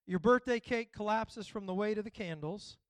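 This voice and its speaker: A man's voice: high voice, normal speed, clean tone, no room sound. A man preaching a sermon, telling funny family stories and exhorting the congregation. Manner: humorous, storytelling, preacherly. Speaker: pastor.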